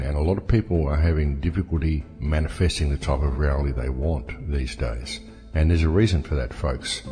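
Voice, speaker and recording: An anonymous man talks through a disguising pitch-down effect that makes his voice extremely deep and dark. He speaks emphatically in a monologue, calling his listeners folks. The voice carries a long reverb over faint music. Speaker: anonymous messenger. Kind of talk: spoken monologue to viewers.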